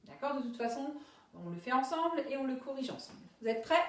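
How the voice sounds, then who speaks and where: A woman, a primary school teacher giving a dictation lesson to young pupils, saying each syllable slowly and carefully. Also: sits high, very animated, heavy reverb, far from the mic, slight background noise.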